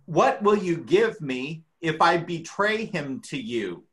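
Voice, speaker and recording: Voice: mid-range voice, big pitch swings, slow pace, a bit bright. A church reader giving a dramatic reading of scripture.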